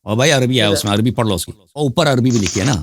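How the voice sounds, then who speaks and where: A man hosting a live debate, insistently repeating his demands and accusing the other side of lying. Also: mid-range voice. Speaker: host of a live debate show.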